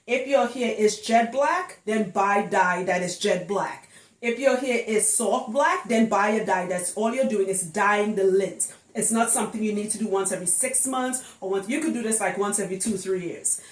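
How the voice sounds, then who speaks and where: With a medium-pitched voice and a moderate pace, a woman from Trinidad talks to camera about her work as a locs hairstylist. Her explainer is casual and chatty, with emphatic delivery and plenty of rhetorical questions, recorded in a roomy, echoing indoor space.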